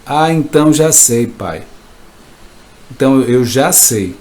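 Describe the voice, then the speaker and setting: A man voicing a young boy who reproaches his proud father with a string of accusing questions, spoken slowly. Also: medium pitch, expressive, a little mellow.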